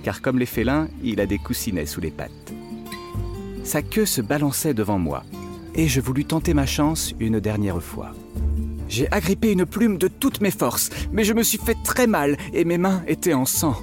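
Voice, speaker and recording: A man narrating a children's fairy tale in a playful, expressive voice, speaking as an inventor teacher to his class. His pitch rises and falls with lively swings. Soft music plays faintly beneath the telling. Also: moderate pace. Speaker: storyteller playing an inventor teacher.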